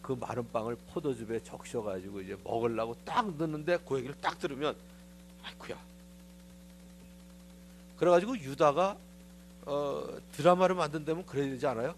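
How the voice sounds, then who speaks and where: Speaking fairly quickly in a mid-range voice, with slight background noise, a middle-aged pastor preaches conversationally in a church sanctuary. He tells stories in an intimate, animated way, performing the quoted voices.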